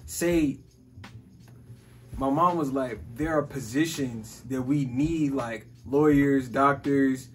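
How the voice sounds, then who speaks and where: A man's voice: medium pitch, slow, faint music behind. A man in his twenties from Chicago, hosting a casual chat about business and money, easygoing and saying "bro" and "like" constantly. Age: 20s. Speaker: podcast host.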